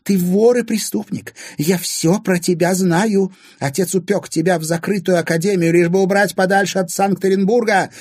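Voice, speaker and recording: A man's voice: sits high, fairly even intonation, moderate pace, hardly any pauses, a little mellow, husky, no echo, clean studio sound, pitched above the performer's own voice. A man voicing a scheming, two-faced stepmother who was once an actress, shrieking and sneering.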